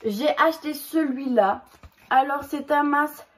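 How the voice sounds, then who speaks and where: High-voiced woman chatting through a haul. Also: measured pace. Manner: reads product packaging aloud, hesitant with many fillers. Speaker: haul vlogger. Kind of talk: casual product haul vlog.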